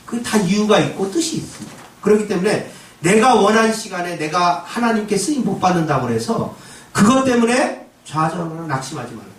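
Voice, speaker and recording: Lively high-voiced male pastor preaching. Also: brisk. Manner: preaching with acted quotes of God and Moses, rising to emphatic exclamations. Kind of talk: sermon. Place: church sanctuary. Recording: roomy echo, distant mic, faint ambience.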